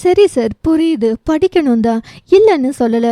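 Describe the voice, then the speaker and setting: A woman's voice: high voice, animated, moderate pace, warm tone, no room sound, clean studio sound. Give me a woman playing a loyal young male student, earnest and questioning. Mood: concerned. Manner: pressing questions.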